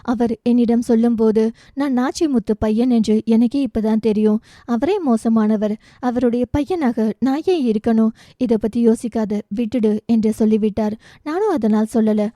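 A woman reading a romance novel aloud, narrating and voicing every character in an expressive storytelling manner. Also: a little high, no room sound, clean studio sound. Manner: expressive storytelling, shifting between narration and dialogue.

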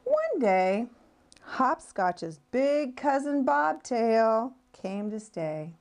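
Expressive woman reading a children's picture book. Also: fairly high pitch. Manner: expressive, sing-song storytelling. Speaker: speech-language pathologist reading aloud.

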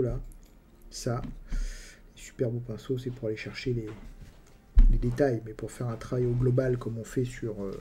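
A man's voice: medium pitch, mellow, a little hiss or hum. Joking, chatty man painting live. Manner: joking, chatty, swears freely; talks to viewers while painting, often trailing off mid-sentence. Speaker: miniature painting tutor. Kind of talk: casual livestream painting tutorial.

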